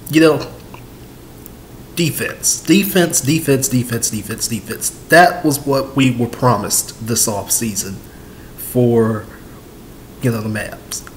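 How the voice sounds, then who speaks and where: Recorded through a desk webcam in a small room with a touch of hiss or hum, a young man in his twenties offers casual sports commentary for his home vlog. His voice is mid-range. He rambles along with lots of fillers and repeated phrases.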